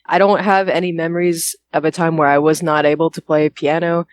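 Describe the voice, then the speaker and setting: Speaking from a bus on a call, this young Houston musician and vocalist gives a casual, self-deprecating interview. Her low voice comes across flat and a little fast, in a dry, studio-quality recording.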